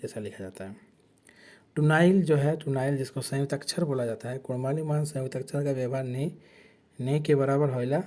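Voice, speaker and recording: A man's voice: mid-range voice, mellow. A man teaching an exam-prep lesson, explaining terms from a slide and often correcting himself.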